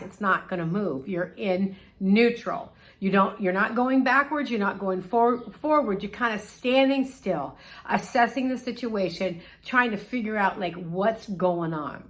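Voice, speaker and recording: A middle-aged woman, a life coach, giving a conversational, encouraging faith talk with casual fillers. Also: mid-range voice.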